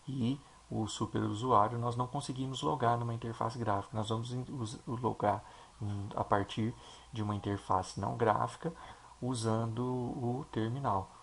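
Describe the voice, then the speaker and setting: A man with a Brazilian Portuguese accent, a teacher explaining a software installation step by step and checking in with his listeners. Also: medium pitch, creaky, a little hiss or hum. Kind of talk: screen-recorded software tutorial.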